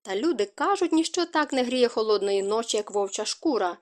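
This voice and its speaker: A woman reading an audiobook voices a bald, hulking male bandit who talks with slow, sneering scorn. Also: a little high, animated, close to an everyday voice.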